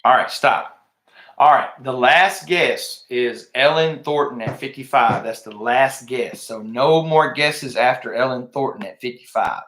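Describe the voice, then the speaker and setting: A man's voice: medium pitch, measured pace, a bit bright. A man hosting a livestream giveaway, talking casually and directly to viewers and often repeating himself. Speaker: livestream host. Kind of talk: casual live giveaway announcing. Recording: echoey room.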